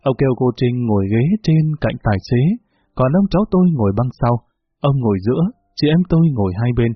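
Male storyteller, husky voice, thin phone-like recording with faint music underneath. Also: medium pitch, lively intonation, fast, no echo. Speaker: narrator. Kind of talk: storytelling narration.

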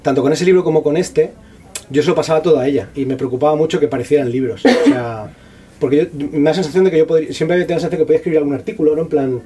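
A man, an author talking about his book at a bookshop event in fast, slangy, profane speech full of restarts. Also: a little high, mellow. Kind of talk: casual talk at a book presentation. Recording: distant voice with faint room noise.

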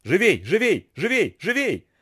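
A man's voice: fairly high pitch, big pitch swings, fast. A man doing a commanding boatman barking orders. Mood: urgent shouting.

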